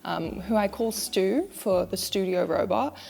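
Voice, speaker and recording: Chatty woman vlogging, gravelly edge. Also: mid-range voice, a little slow, a little mellow. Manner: chatty, candid, self-deprecating. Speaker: social media manager vlogger. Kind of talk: casual vlog talk to camera. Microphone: wireless clip-on mic.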